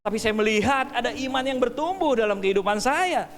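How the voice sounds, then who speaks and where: Male pastor, high voice, animated sermon with acted-out scenes and call-and-response, long hall reverb. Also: a little hiss or hum. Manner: animated, acts out hurried family scenes; calls the congregation to repeat words. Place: church hall.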